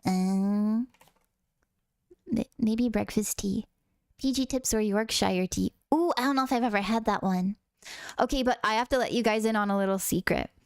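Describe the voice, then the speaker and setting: A woman's voice: on the high side, fairly quick, clear, resonant tone, no room sound, clean studio sound. Bubbly, swearing woman streamer. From United States. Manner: bubbly, chatty, swears casually. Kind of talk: casual gaming stream chat.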